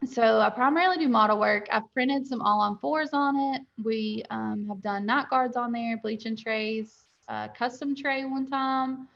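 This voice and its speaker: Young woman on a webinar call, kinda gravelly and a bit high, muffled lo-fi sound. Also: a little slow, hardly any pauses. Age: young adult. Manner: candid, chatty, laughs easily. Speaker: dental lab owner and guest. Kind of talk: webinar interview. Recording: dull lo-fi call audio.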